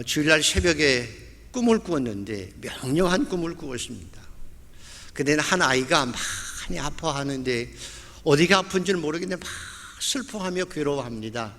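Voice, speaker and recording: A man's voice: fairly high pitch, bright, forceful tone. A male pastor preaching a sermon, telling a story vividly and acting out the quoted lines. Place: church sanctuary. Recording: long church hall reverb.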